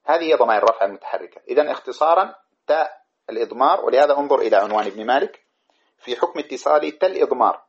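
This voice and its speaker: Fast-talking man teaching, lo-fi. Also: medium pitch, animated. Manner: recites verses, then explains with examples and repetition. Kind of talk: lecture explaining a grammar poem. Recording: dull lo-fi recording.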